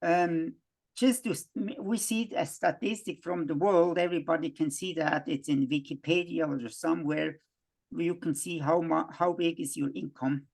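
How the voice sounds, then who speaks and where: A man from Switzerland, giving a halting worldview lecture full of restarts and fillers. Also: on the high side, steady tone, creaky, a little mellow.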